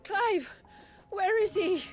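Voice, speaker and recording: A woman's voice: very high voice, takes it slowly. An actress playing a caring, emotional young woman companion in a video game. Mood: anxious. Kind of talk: dramatic video game acting. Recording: prominent background music.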